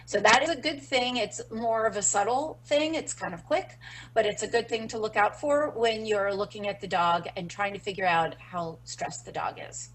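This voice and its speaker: A woman leads a webinar lesson, talking things through in a loose, conversational way. She fills pauses with ums and uhs and restarts her sentences as she explains. Her voice sits at an ordinary middle pitch. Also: poor audio. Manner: explanatory, many fillers. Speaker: dog training instructor.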